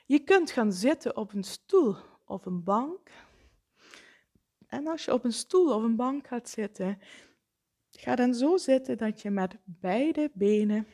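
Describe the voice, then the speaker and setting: A woman leading a guided meditation, speaking softly with frequent breathy, half-whispered phrases. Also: fairly high pitch, expressive. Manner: slow, soft-spoken, often breathy and whispered.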